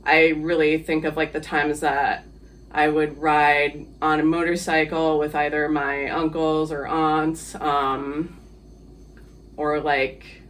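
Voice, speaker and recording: A man's voice: fairly high pitch, level tone, takes it slowly, fairly bright tone, a little hiss or hum. A man from the Philippines, a guest on an interview podcast, talking casually and hesitantly with many fillers and easy laughs.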